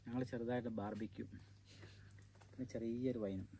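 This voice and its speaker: A man's voice: mid-range voice, fairly even intonation, normal speed, mellow, breathy edge. A man chatting casually with his family. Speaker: father in a family vlog.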